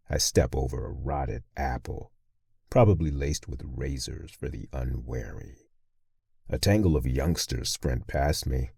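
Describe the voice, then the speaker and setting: Very deep, gravelly male horror narrator. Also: mellow, no echo, studio quality. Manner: brooding, menacing. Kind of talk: first-person horror story narration.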